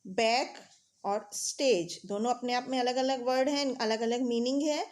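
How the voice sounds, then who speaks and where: A woman with an Indian accent, teaching English vocabulary in a steady, explaining way and spelling words out letter by letter. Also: on the high side, unhurried. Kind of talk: vocabulary lesson in Hindi.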